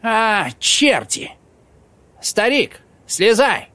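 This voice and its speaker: Мужчина читает за грубого вспыльчивого молодого вора, резко и отрывисто. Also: male voice, sits high, sing-song, drawn-out words, sharp tone, no room sound, pitched above the performer's own voice, exaggerated voice. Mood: rough. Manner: rough, abrupt. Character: rough hot-tempered young male thief.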